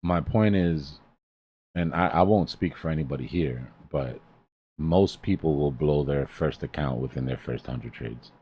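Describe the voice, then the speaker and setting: A man hosts a live trading stream, speaking casually like a mentor, bluntly and emphatically, repeating himself for stress. His voice is rumbling low and dark, slightly rough, and a little slow.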